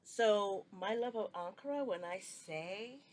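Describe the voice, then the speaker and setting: A woman's voice: mid-range voice, expressive, slow pace. A middle-aged woman who grew up in New York, chatting enthusiastically and meanderingly as she shows fabrics from her sewing collection at home. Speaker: sewing vlogger. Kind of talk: casual chat showing fabrics.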